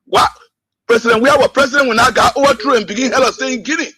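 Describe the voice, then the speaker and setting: A man's voice: very high-pitched, quick pace, bright, forceful tone, slightly rough. A man from Liberia calling in to a radio talk show, arguing with rhetorical questions over a phone line. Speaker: caller. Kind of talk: call-in radio political commentary.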